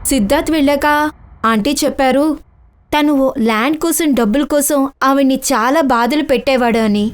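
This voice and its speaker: A woman's voice: high-pitched, a little fast, natural voice. A woman dubbing a witness who earnestly explains things to the police. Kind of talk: dubbed TV crime drama.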